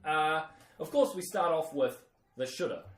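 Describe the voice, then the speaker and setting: A man's voice: a little high, animated, normal speed, distant mic. A man with a New Zealand accent hosting a podcast, leading segments in loose, jokey, self-mocking banter. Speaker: podcast host. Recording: roomy, off-mic.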